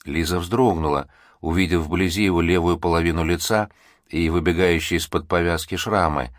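Deep-voiced male audiobook narrator. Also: dry recording, clean studio sound. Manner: expressive, measured storytelling.

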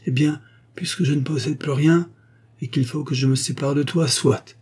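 A ruined young duke, read by a man, proud and torn, his lines agitated and indignant. The tone is dark, mellow and slightly husky, the voice of a storybook reading. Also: fairly high pitch, steady tone, normal speed, voice pushed up.

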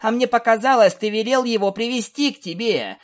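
A narrator voicing a brash young pegasus filly who shouts excitedly, raising the voice well above their own. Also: mid-range voice, a little slow, voice pushed up. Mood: yelling. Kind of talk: fan audiobook voicing.

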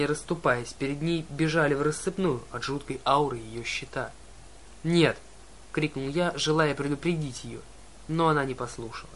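A man's voice: mid-range voice, fairly bright tone, a little hiss or hum. Man narrating a story in first person. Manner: reads the story in first person and voices every character himself. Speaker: audiobook narrator. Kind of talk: scripted narration.

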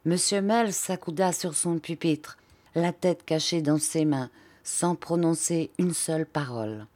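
A woman narrating a classic novel as an audiobook in a measured, unhurried reading. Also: deep voice, darkish tone. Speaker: audiobook reader.

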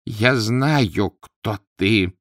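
A man's voice: fairly low pitch, very slow, no room sound, studio quality. A man voicing a frightened old woman scholar who speaks in a trembling, agitated way. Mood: shaken.

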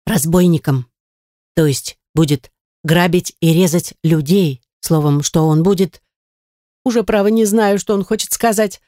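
A woman's voice: on the low side, warm tone, no room sound, clean studio sound. A woman voicing a chatty, flustered young maid who pleads and rambles in a raised voice. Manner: breathless, wheedling, rambling.

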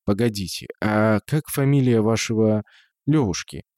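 Cool investigator guy, polite and a bit ironic, dark mellow tone, narrator doing him. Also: on the low side, normal speed, dry recording, studio quality, close to an everyday voice. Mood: composed. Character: ironic, composed male investigator, middle-aged.

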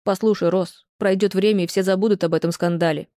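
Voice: mid-range voice, fairly even intonation, fast, warm tone, no room sound, natural voice. An audiobook reader voicing a remorseful ex-husband who pleads and reproaches himself in a plain, close, dry read. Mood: pleading. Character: remorseful ex-husband pleading with his former wife.

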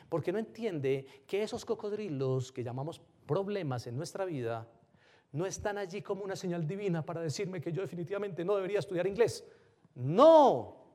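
A man giving an animated motivational talk to a live audience, often firing rhetorical questions at them. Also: high voice. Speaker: motivational speaker.

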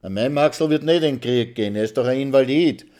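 A man reading a story aloud and voicing a young woman with a squeaky, melodic voice who speaks stubbornly. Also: brisk, mellow. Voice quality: squeaky high voice.

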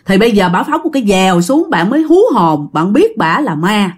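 A woman's voice: medium pitch, sing-song, fairly quick, slightly rough. A woman with a Southern Vietnamese accent telling a ghost story in a chatty way, often speaking directly to her listeners.

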